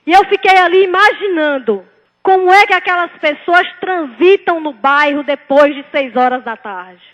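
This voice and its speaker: A woman councillor with a Bahian, Northeastern Brazilian accent delivers a fervent political speech. Her voice sits high, and she presses her points with emphatic rhetorical questions and repeated phrases. The sound carries the long reverb of a large chamber. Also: a bit bright. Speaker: city councillor.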